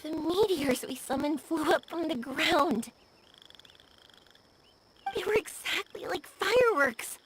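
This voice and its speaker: A woman playing a bubbly, warm-hearted young woman in an anime-style video game, gushing and earnest in her delivery. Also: high voice, lively intonation, slow pace, long pauses, slight background noise, poor audio. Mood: awed, happy.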